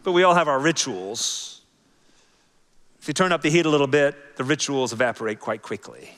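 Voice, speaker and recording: A man preaching a sermon as pastor, talking in an animated, conversational way that drops to soft, quiet phrases. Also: mid-range voice, moderate pace. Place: large church auditorium. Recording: long church hall reverb.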